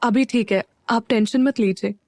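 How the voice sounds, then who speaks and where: Flustered young wife for an audio story, higher and stammering, voiced by a woman. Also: normal speed, darkish tone, no echo, close to an everyday voice. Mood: flustered shy. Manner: stammering, nervous speech.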